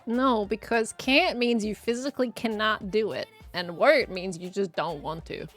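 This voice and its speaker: A woman's voice: mid-range voice, moderate pace, faint music behind. A woman streaming a game, chatting casually in a playful, teasing way. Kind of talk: casual chat while gaming.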